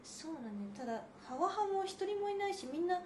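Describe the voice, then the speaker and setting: A woman's voice: extremely high pitch, animated, fairly quick, echoey room, a crowd in the background. A woman co-hosting a talk show, giving short, casual reactions in conversation.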